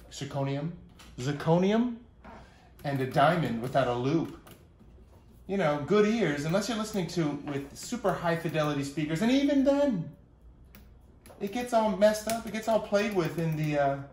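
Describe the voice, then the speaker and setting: A man's voice: on the high side, darkish tone. Rambling middle-aged New York man. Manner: rambling, jokey asides, talks to his gear. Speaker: synth repair vlogger. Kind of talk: casual rambling commentary while working. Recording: roomy room, faint hiss.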